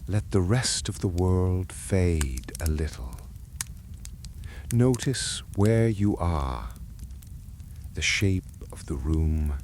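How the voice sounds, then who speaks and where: A man narrating a soothing sleep story in a hushed, gentle, calming way, with long pauses between phrases. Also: low voice, a little hiss or hum.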